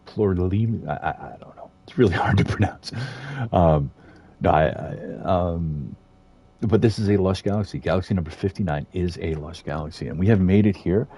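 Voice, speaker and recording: Deep gravelly-voiced man streaming a game. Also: mellow, no room sound. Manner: chatty, rambling, with fillers and chuckles. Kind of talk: casual gameplay commentary.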